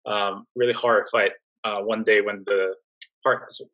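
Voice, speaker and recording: A young adult man from Singapore, speaking as a guest in a casual interview, relaxed and full of fillers and restarts. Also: on the low side, unhurried, highs cut off. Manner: relaxed, many fillers and restarts, laughs softly. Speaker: job-seeking guest.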